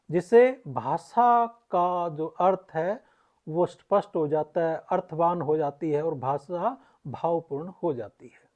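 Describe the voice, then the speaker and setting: A woman's voice: fairly low pitch, warm tone. A woman teaching Hindi grammar in an online lecture, explaining patiently and repeating each point. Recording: slightly muffled lo-fi audio.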